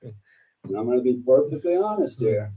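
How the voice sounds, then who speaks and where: A man's dark, relaxed voice comes through from some distance off the microphone. He rambles casually as a live stream host, with blunt, combative, sweary talk. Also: medium pitch, moderate pace. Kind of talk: casual rambling livestream monologue.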